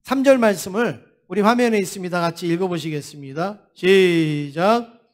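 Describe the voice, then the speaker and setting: Male pastor, high-pitched voice, earnest sermon delivery, asks the congregation questions, acts out pleading cries. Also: moderate pace. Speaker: senior pastor. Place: church sanctuary.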